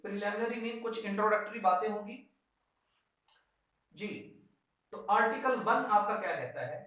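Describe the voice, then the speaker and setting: The lecturer is a Pakistani-accented man whose high-pitched voice sounds pushed and bright at a moderate pace. He teaches law to exam students emphatically, repeating key instructions and mixing in English terms, in a very echoey whiteboard room captured on a distant mic.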